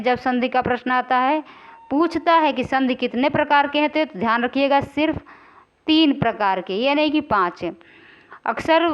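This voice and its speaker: A woman teacher going through exam questions, explaining slowly, repeating and drawing out key words, and often asking if the class follows. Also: high-pitched, clear, resonant tone. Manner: keeps checking understanding with rhetorical questions. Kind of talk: exam-prep grammar lesson. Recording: slightly dull, lo-fi audio.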